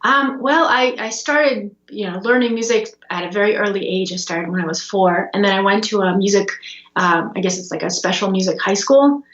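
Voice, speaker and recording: A young woman from Russia talks over a video call from a small room at home. Her answers are relaxed and full of ums and you-knows, and the call sounds roomy and a little dull. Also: mid-range voice, moderate pace. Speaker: guest musician. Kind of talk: casual interview answers. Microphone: video call with earbud headset.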